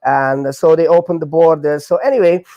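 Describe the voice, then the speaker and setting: A man in his forties from Hungary with a Hungarian accent, telling his story in a casual interview with many fillers and halting non-native grammar. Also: a little high, steady tone, dry recording, lo-fi sound. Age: 40s. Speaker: guest, breakdancer.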